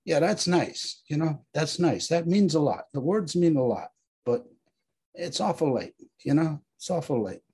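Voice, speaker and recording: An older American man, a war veteran, telling a personal story in an earnest, emphatic way with repeated phrases, his voice husky. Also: a little high, animated, normal speed, a little mellow. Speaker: Vietnam War veteran recounting his experiences.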